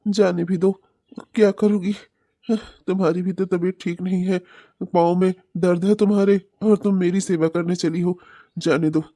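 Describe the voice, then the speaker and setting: Man as coughing elderly father-in-law, high voice, slow and tired. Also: dark tone, no room sound, clean studio sound. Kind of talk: cartoon voice acting.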